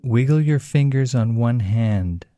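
A man gently leading children through a slow, soothing guided relaxation exercise. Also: mid-range voice, lo-fi sound, soft background music.

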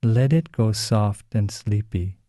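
A man gently leading children through a slow, soothing guided relaxation exercise. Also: lowish voice, over loud music.

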